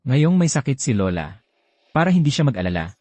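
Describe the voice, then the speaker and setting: A man's voice: medium pitch, brisk, no echo. A man dubbing a drama, playing a young husband who playfully coaxes and teases his wife. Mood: persuasive. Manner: playful, coaxing, lively. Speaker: dubbing actor. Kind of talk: dubbed drama acting.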